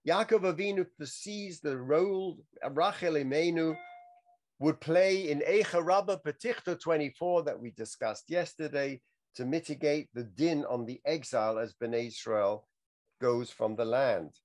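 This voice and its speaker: A man's voice: on the high side, darkish tone. A man giving a reflective lecture on religious texts, weaving in quotes from literature and film. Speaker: teacher.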